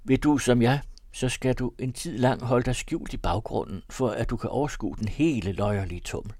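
A man voicing an easygoing, sociable young male student who talks in a lively, reassuring way. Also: medium pitch, no echo, studio quality, close to an everyday voice.

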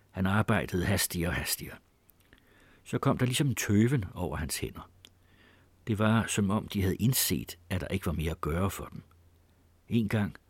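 A man narrating a memoir as an audiobook, in a measured, expressive reading. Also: sits low, husky, dry recording.

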